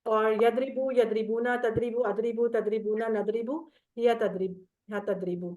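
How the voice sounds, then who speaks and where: A woman's voice: a little high, fairly even intonation, normal speed, phone-quality sound. Patient woman teaching a grammar class. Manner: patient, explains step by step, recites verb tables. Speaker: Quran Arabic grammar teacher. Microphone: video call.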